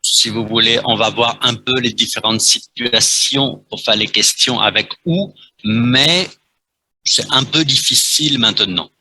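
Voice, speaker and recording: A man with as his teaches a French class, going slowly and repeating himself, dropping "hein" between phrases. His voice is bright and husky, and the sound is dry and close. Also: medium pitch, no room sound, low-quality recording. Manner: slow, repetitive teacher talk with frequent "hein"; switches between French and Vietnamese to explain.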